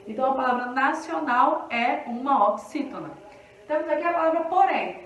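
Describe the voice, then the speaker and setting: Brazilian woman teacher, high voice, patient and explanatory, recorded off-mic in a very echoey room. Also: expressive, moderate pace, a bit bright, far from the mic. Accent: Brazilian Portuguese. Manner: explanatory, checking in often with the class. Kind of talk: recorded grammar lesson.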